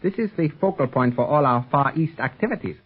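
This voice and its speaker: Formal police agent, tinny old radio. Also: male voice, on the high side, lively intonation, husky, faint music behind. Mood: assured, formal. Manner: formal, measured, avoids contractions. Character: Li Ying, composed, courteous Chinese police agent. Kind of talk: 1930s radio serial acting. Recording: tinny 1930s radio recording.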